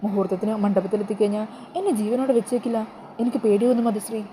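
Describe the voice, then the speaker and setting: A woman's voice: medium pitch, steady tone, racing, warm tone, a little hiss or hum, natural voice, poor audio. A woman voicing a frightened young bride in a TV serial recap, speaking anxiously and pleadingly. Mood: fearful.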